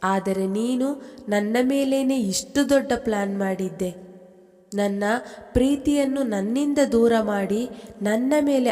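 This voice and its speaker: A woman reading aloud plays a young wife crushed by her best friend's betrayal. She speaks slowly through tears, with a voice pitched a little high. A long reverb trails behind her words. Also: dark tone. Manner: tearful, accusing.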